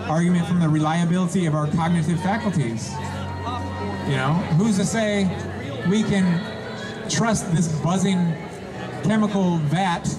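A man making a methodical debate argument, reasoning step by step and posing rhetorical questions to listeners. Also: fairly high pitch. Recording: music and crowd noise behind. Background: music and crowd.

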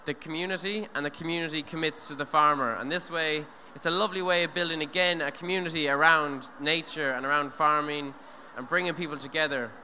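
Speaking fairly quickly with few pauses, a young man from Ireland talks earnestly and rambles on stage at an eco event, using a handheld mic and frequently restarting or saying "you know". His voice is a little high and sharp, with fairly even intonation. The large hall adds long reverb, and faint noise sits underneath.

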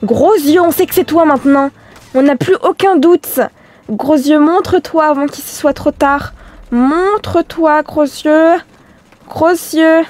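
A woman's voice: high-pitched, slow pace, a little mellow, no room sound. A young woman hosting a game role-play video, giving bossy, theatrical commands to her group. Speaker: gaming video host.

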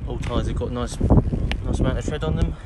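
Filming on his phone, an English-accented man gives a relaxed walkaround of a car on a used-car forecourt, later moving inside the vehicle. His commentary is plain and full of repeated fillers, delivered at medium pitch and moderate pace. Background noise is clearly audible in the phone video.

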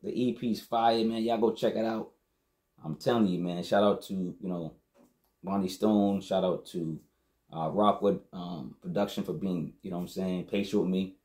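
A man's voice: fairly low pitch, mellow. A man giving a casual, slangy review of a rap album as the show's host, often dropping "you know what I'm saying". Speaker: hip-hop album reviewer.

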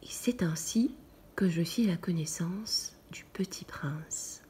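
A woman giving a slow, gentle first-person narration in a soft, partly whispered storybook reading. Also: lowish voice, husky. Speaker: storybook reader.

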